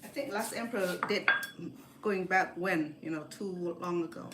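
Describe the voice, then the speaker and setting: Speaking at normal speed in a voice on the low side, a woman from Cambodia rambles and corrects herself during casual chat while cooking on a livestream. The recording has an echoey kitchen sound and clear background noise.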